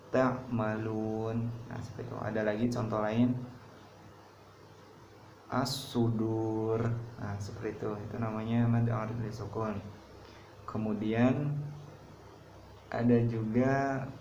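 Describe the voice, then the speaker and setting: A man's voice: medium pitch, warm tone. A young man teaching a casual tajwid lesson, patiently explaining step by step. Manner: patient, explains step by step, says "nah" often. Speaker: Quran recitation teacher. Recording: roomy, dull lo-fi recording with faint noise.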